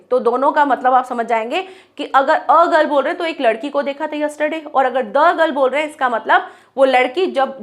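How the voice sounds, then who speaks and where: Female grammar teacher, fairly high voice, patient step-by-step explainer who sounds words out slowly. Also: a bit bright. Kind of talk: online grammar lesson.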